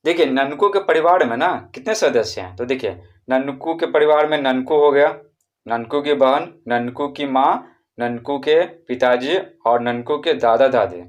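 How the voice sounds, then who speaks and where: A man's voice: medium pitch, unhurried. A man with a Bihari Hindi accent, teaching a primary-school textbook chapter. He repeats and drills the answers and draws out words to show how someone calls out. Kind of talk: explaining a textbook chapter to pupils.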